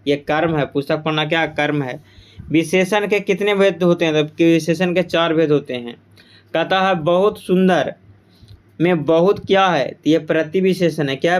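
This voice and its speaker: A male teacher runs through exam-prep grammar points, asking a question and then repeating the answer back. His voice is smooth and resonant and sits a little high for a man. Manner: repeats answers with quiz-style questions to the class.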